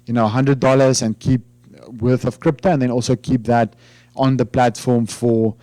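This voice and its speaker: A man from South Africa, Afrikaans-speaking by birth and with a South African accent, talks casually to camera about finance for his channel, his mid-range voice warm and steady. He speaks at a normal speed with no echo. He tends to ramble and falter, dropping in many fillers and restarts.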